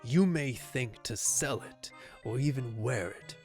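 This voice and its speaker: Man putting on a low gravelly growl, stern swordsman. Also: measured pace, a little mellow, soft background music, natural voice. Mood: menacing, grave. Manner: grave, archaic, formal delivery. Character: stern, honorable swordsman reading out threats to a knight. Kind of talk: video game dialogue read aloud.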